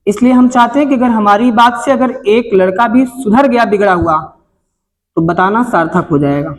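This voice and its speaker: Coaching class teacher, guy with a high voice, north indian accent, preachy advice to his students. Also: normal speed. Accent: Hindi, north Indian. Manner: earnest, moralizing, addresses students directly with rhetorical questions. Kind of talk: classroom life advice talk.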